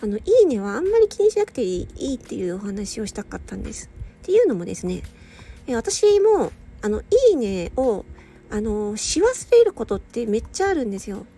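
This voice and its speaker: Over soft music or ambience, a hobby voice performer who runs an audio channel talks to her listeners solo in a relaxed way. Her medium-pitched voice is sing-song and brisk. She wanders and hesitates, giggles often, and seems tired, with words that slur a little.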